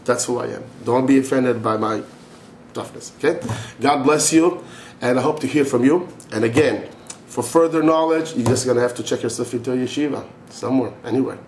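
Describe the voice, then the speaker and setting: A middle-aged man with a medium-pitched, darkish voice speaks fairly quickly as a religious teacher answering a question. His monologue is impassioned, emphatic, and insistent, and he often repeats himself, recorded in an echoey room with faint background noise.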